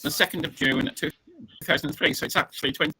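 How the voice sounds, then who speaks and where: A man's voice: fairly high pitch, steady tone, quick pace, bright, forceful tone, breathy edge, low-quality recording. A man joining a live launch broadcast over a remote call, politely offering facts while his audio breaks up. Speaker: guest commentator. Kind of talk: live launch-coverage chat. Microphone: joining over an online call.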